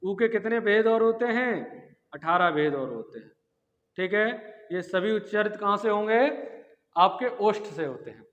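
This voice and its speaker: A man's voice: sits high, expressive, normal speed, a bit bright, long reverb tail, dull audio. A man teaching Sanskrit grammar in an exam-prep lecture. He asks the class questions, answers them himself, and sounds out the lip consonants. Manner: demonstrates lip sounds aloud.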